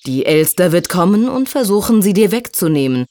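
A woman voicing a kind male forest elf who speaks slowly and soothingly. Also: lowish voice, sing-song, mellow. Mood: gentle.

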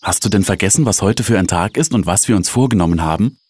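A man voicing an eager, bossy young girl in a read-aloud storybook, raising his deep voice and sounding urgent. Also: fast, a little mellow, a little hiss or hum, close to an everyday voice.

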